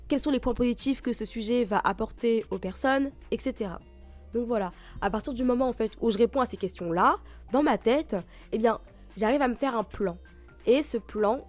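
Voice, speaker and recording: A woman hosting a personal podcast in monologue, answering questions, with a lisp that makes her s sound slushy. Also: on the high side. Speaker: podcast host. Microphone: own microphone with homemade pop filter.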